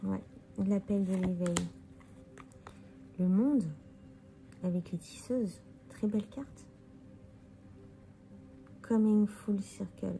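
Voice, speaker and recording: This tarot reader presents her deck slowly, her mid-range voice dark and full of vocal fry, with long pauses between thoughts. She sounds tired and muses casually as she flips the cards, and there's a little hiss or hum in the recording.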